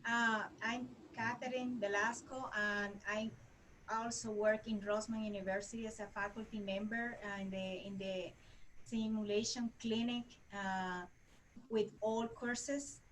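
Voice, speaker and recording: A woman introduces herself on a video call, pausing and repeating words. Her delivery stays flat and even at a middle pitch. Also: slight background noise, rough recording. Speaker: university faculty member.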